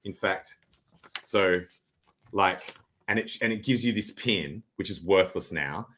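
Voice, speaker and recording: A man's voice: sits low, slow pace, a bit bright, a little hiss or hum. A man appearing as a guest on a livestream, talking loosely with swearing, laughter and frequent restarts over a video call. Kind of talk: casual livestream chat.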